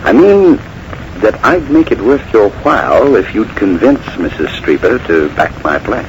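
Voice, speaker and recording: An actor playing a menacing, short-tempered, scheming husband and playwright in a 1940s radio mystery. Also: male voice, on the low side, sing-song, unhurried, dull audio. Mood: smooth, menacing. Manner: smooth veiled threats swinging to irritated insistence. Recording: noisy vintage 1940s radio broadcast.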